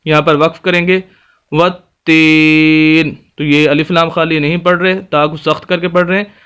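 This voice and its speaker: A man teaching Quran reading in a step-by-step recitation lesson, patiently explaining and then slowly spelling out letters and vowel marks. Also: a little high, fairly even intonation, fairly bright tone, smooth. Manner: patient explanatory tone, addresses viewers politely.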